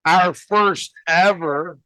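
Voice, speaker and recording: An enthusiastic man with a St. talks in a deliberate, unhurried way, his pitch sitting a bit high. He sounds like a bar owner rallying fans in a casual chat. The sound is dry and close, with faint music underneath. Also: bright, forceful tone, no echo, low-quality recording. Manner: enthusiastic, hyped-up booster. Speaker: bar owner and podcast host. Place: indoors at a bar.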